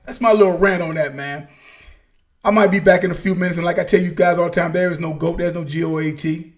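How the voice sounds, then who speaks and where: High-voiced man ranting about football. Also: fast. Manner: animated, repeats words, folksy slang. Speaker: podcast host. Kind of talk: casual sports rant.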